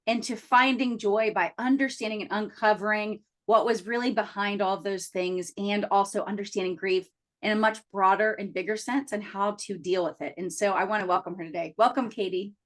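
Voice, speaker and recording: A woman's voice: medium pitch, steady tone, fairly quick. A woman hosting a podcast interview who speaks with eager enthusiasm and often fills her sentences with "you know". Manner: enthusiastic, warm welcome with frequent "you know" fillers. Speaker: podcast host.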